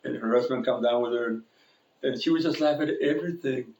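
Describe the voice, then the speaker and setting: A man's voice: mid-range voice, fairly quick, darkish tone, reverberant, low-quality recording. A man preaching an informal sermon in a church, telling a personal story in a rambling, self-correcting way with frequent chuckles. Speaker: pastor. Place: church sanctuary.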